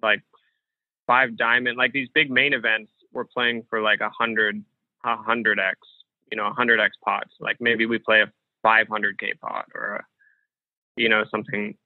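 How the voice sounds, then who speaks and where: A man talks loosely as an interview guest, pausing and restarting his sentences often. His voice comes through a narrow, phone-like line with no room echo. The sound is thin and close. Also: lowish voice, little pitch movement. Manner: thinks aloud with frequent fillers and restarts. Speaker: guest, professional poker player. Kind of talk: casual interview conversation. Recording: dry, phone-like remote call audio.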